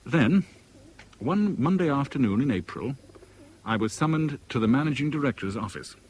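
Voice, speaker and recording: This 1970s radio recording, with faint background noise and poor audio, features an actor voicing a sacked British merchant banker of about forty who is wry and orderly. His first-person narration in British English is measured, formal, articulate, and reflective, delivered in a mid-range, animated, slightly mellow, natural voice.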